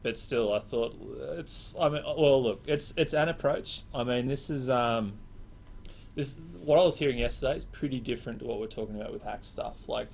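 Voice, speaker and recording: A man's voice: mid-range voice, moderate pace, creaky, a little mellow, a little hiss or hum. A man hosting a casual live stream chat, rambling and joking. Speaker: host.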